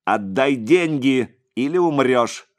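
A man's voice: medium pitch, lively intonation, slow, darkish tone, pitched above the performer's own voice. A man voicing a cold, indifferent male thug with a hissing, menacing delivery. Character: cold lipless gold-toothed male torturer, indifferent.

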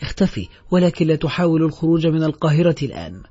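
A male narrator voices a wary café owner, apologetic and warning in tone, his voice fairly high and a little husky. The recording is slightly dull, with gentle music in the background. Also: very animated, fast. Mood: cautious.

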